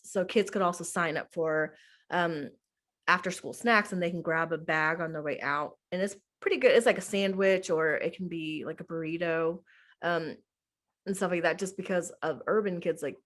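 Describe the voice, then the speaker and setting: A young adult American woman who teaches middle school answers interview questions in a casual, chatty way. Her voice sits lowish with a fairly bright tone, and she fills her talk with "like" and "um".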